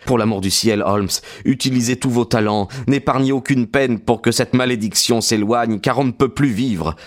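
A man reading an audiobook, voicing a distraught male school head who speaks in a hurried, pleading way. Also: medium pitch, natural voice. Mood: frantic.

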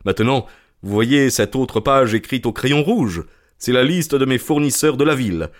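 A man reading an audiobook, voicing an irritable middle-aged goose seller who talks gruffly and boastfully. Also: mid-range voice, animated, moderate pace, voice pushed up, lightly acted. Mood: mocking.

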